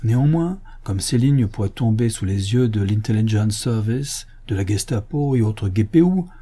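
A man's voice: mid-range voice, dark tone, husky. A man reading a short story aloud as narrator, with a wry storytelling manner. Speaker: audiobook reader. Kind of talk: scripted narration.

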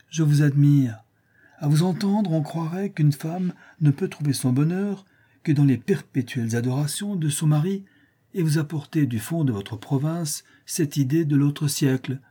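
A man's voice: fairly high pitch, warm tone, husky. A man reading aloud, voicing a witty, teasing aristocratic baroness in a period audiobook. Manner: playful, mocking, coquettish.

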